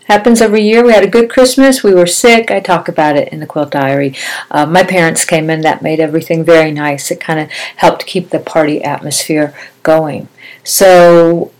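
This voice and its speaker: A woman's voice: deep voice, fairly even intonation, moderate pace, darkish tone, low-quality recording. Chatty middle-aged woman podcaster with braces. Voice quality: speaking with braces, slightly slurred and wet. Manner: chatty, rambling, upbeat. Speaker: podcast host. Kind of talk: casual solo podcast chat.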